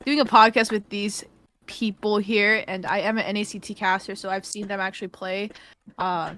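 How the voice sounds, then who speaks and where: A woman's voice: medium pitch, steady tone, normal speed, fairly bright tone. A woman esports caster interviewing guests on a podcast, upbeat and easygoing. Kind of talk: casual interview.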